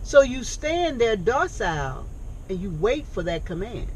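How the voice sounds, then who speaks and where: A woman's voice: mid-range voice, big pitch swings, a little slow, slight background noise, rough recording. A woman in her sixties who runs a thrift store and reentry program, talking earnestly and emphatically in a casual conversation. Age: 60s. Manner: earnest, emphatic, questions pointedly.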